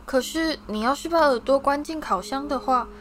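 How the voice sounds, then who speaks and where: A woman's voice: sits high, normal speed, fairly bright tone, slight background noise, pitched above the performer's own voice. Woman playing a nervous, polite boy wizard. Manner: hesitant, careful, polite.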